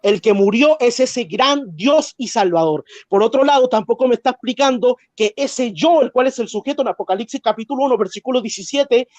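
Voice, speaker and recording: A man's voice: extremely high pitch, expressive, fairly quick, few pauses, darkish tone, no room sound. A man making a methodical debate rebuttal, citing verses and pressing his opponent for answers.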